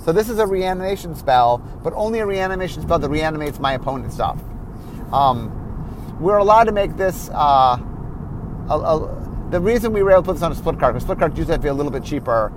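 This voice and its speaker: A man's voice: fairly high pitch, lively intonation, fast, noisy background. Tired man explaining game design. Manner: explanatory, self-correcting, many fillers. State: tired, yawning. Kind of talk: solo podcast monologue.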